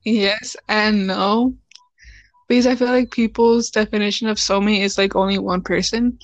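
A woman's voice: medium pitch, steady tone, normal speed, dry recording, muffled recording. A young woman co-hosting a casual chat, blunt and teasing. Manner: blunt, teasing, frequent "like" fillers. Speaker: podcast co-host.

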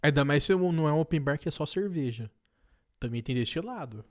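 A man's voice: a little high, animated, a little fast. A young man with a Brazilian Portuguese accent, co-hosting a podcast in casual, slangy, crude and joking banter full of swearing. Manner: crude, joking, profanity-laden. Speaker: podcast co-host.

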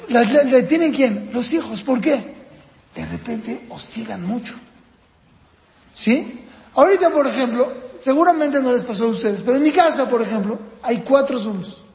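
A man's voice: very high-pitched, vocal fry. A man teaching a course for parents, telling stories and putting questions to the audience. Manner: animated storytelling with questions to the audience. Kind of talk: lecture to parents. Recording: echoey hall with long reverb.

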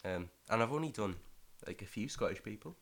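A man's voice: on the low side, lively intonation, brisk, fairly bright tone. A man from Middlesbrough with a Teesside accent, hosting a casual podcast in an informal, rambling way. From Middlesbrough, England. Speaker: podcast host.

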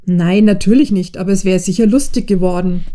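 Calm teasing young guy, woman reading it, mellow voice, audiobook. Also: medium pitch, a little fast, close to an everyday voice. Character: young man, secretive and teasing.

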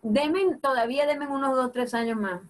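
A woman comedian with a Venezuelan accent speaks as a podcast guest. Her voice is slightly high, and she tells stories with lively slang and frequent laughter. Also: brisk. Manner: animated, laughing, slangy storytelling. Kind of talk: casual podcast conversation.

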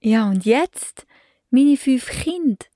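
This Swiss mother and vlogger in her forties speaks slowly and expressively in a high-pitched voice with a dark tone and a Swiss German accent, chatting casually to the camera. She laughs often and sprinkles in English words. The recording is dry and studio quality.

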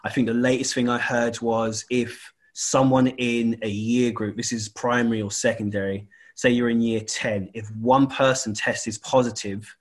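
A man's voice: medium pitch, little pitch movement, normal speed, hardly any pauses. A man chatting casually in an exasperated way, repeating his points for emphasis. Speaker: school or college staff member. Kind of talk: casual chat.

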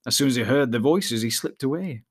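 A man voicing a cautious young male hobbit in a storybook reading, speaking quietly and evenly. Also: medium pitch, expressive, brisk, husky. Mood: hushed, cautious.

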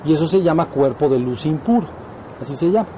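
This spiritual teacher, a Mexican-accented man, explains his informal lesson quickly and expressively, frequently checking comprehension with short questions. His voice is fairly high and dark in tone, with slight noise in the background.

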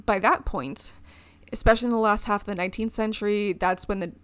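A woman's voice: medium pitch, quick pace, clean tone, dry recording. Chatty woman podcaster, dry sound. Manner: rambling, laughs often, reads from notes. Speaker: podcast co-host. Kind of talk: casual storytelling chat.

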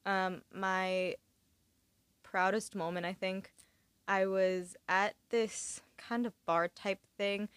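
A woman's voice: mid-range voice, flat delivery, takes it slowly, fairly bright tone, clean tone, no echo. A young woman from California in her twenties hosting a casual chat, with chatty, dryly sarcastic asides.

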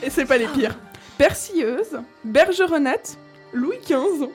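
A woman's voice: high-pitched, expressive, slow pace, soft background music. A woman host in casual chat, listing old slang words with amusement and frequent laughs.

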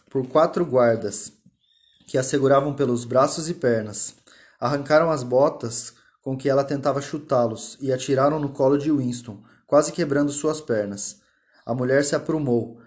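Calm male audiobook narrator. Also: mid-range voice. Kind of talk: scripted narration.

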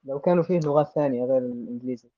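Fast-talking Libyan man hosting. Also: medium pitch, dry recording, lo-fi sound. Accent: Libyan Arabic. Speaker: host interviewing young guests. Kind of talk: casual interview.

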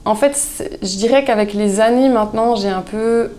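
A woman, a guest chatting casually in an interview, relaxed and thoughtful with frequent hesitations. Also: on the high side, moderate pace, a little hiss or hum. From Switzerland. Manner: relaxed, thoughtful, many hesitations, laughs easily. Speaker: guest, soap maker.

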